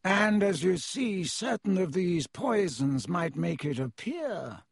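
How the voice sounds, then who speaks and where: A man voicing a cold, haughty aristocratic wizard father with a slow, disdainful, clipped delivery and a slightly husky tone. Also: high voice, big pitch swings, no echo, studio quality, voice pushed up, exaggerated voice.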